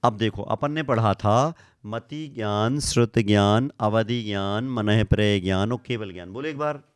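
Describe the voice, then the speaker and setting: A man's voice: lowish voice, normal speed, smooth, no echo. Dry-voiced man teaching scripture. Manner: repeats lists, quizzes listeners, leads group recitation. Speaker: Jain monk teaching scripture. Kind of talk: classroom scripture lesson.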